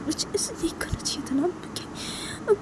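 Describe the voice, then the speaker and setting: A woman's voice: very high-pitched, expressive, fairly quick, in a whisper, voice pushed up. A woman voicing a remorseful young woman who keeps pleading for forgiveness. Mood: whispering to herself. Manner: pleading, repeating the other's name.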